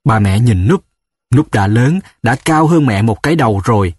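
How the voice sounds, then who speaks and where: A man narrating a story aloud in a measured, rhythmic storytelling manner. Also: medium pitch, lively intonation, darkish tone, slightly rough, no room sound, clean studio sound.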